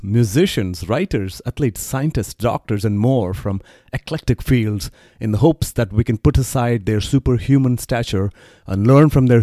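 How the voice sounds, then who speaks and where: A man's voice: mid-range voice, warm tone, dry recording, studio quality. A man hosting a podcast, asking friendly, curious questions and laughing along. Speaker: podcast host. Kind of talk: casual interview chat.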